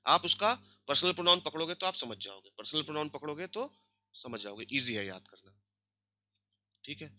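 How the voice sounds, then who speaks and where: Bright-voiced man teaching grammar. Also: on the high side, animated, fairly quick. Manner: explains step by step, checks in with "ठीक है" and "है ना". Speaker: language teacher. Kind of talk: online grammar lesson.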